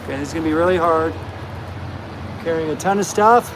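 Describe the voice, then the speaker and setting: High-voiced man livestreaming outdoors. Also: a little fast. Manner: upbeat, talks straight to chat. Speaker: livestream host. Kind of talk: casual live-stream vlogging. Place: outdoors at a truck stop parking lot. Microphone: handheld phone. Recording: phone audio with loud outdoor noise. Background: vehicle and outdoor noise.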